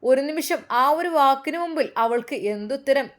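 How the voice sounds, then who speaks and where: A woman's voice: high-pitched, moderate pace. A woman with a Malappuram Malayalam accent narrating a story in an emotive way.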